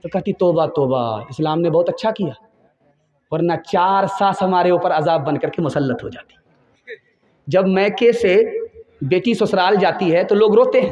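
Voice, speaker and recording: A man's voice: high-pitched, a little mellow, roomy sound, highs cut off. A male Islamic preacher with an Indian Urdu accent, giving a sermon full of parables and telling his listeners emphatically to listen closely. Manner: emphatic storytelling, urging listeners to pay attention.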